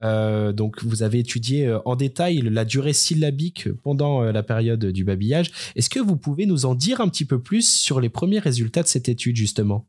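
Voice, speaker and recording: A man's voice: medium pitch, animated, a little fast, few pauses, a little mellow. A man interviewing a researcher, asking long questions with many hesitations.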